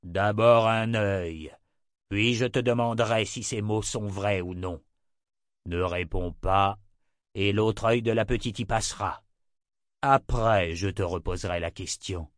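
A man voicing a cruel male emperor in an audiobook, with a slow, drawn-out, threatening delivery and an altered, hollow timbre. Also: lowish voice, no echo, clean studio sound, natural voice. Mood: menacing.

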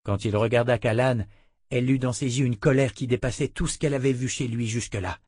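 A man narrating a fantasy novel in measured storytelling style. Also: medium pitch, steady tone, a little mellow, slightly rough, dry recording, studio quality. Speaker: audiobook narrator. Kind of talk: scripted narration.

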